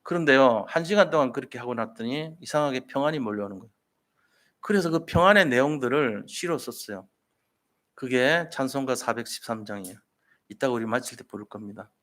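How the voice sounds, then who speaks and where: A man's voice: medium pitch, brisk, fairly bright tone. Man pastor telling a sermon story. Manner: storytelling with rhetorical questions to the congregation.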